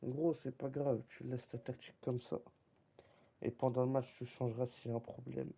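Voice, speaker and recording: Streaming a football match live from his desk mic, this young league-running streamer teases his viewers in casual slang and keeps dropping "gros." He has a mid-range voice, gravelly and warm with a breathy edge, delivered flatly and a little fast.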